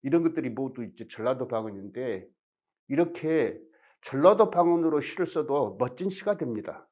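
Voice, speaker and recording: Lively lecturing man. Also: medium pitch. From Jeolla region of Korea. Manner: explanatory, poses questions to the audience. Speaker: professor. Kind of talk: recorded lecture.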